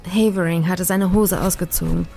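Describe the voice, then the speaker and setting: A woman narrating a horror audiobook in a measured, ominous manner. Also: lowish voice, steady tone, creaky, warm tone. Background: faint eerie music.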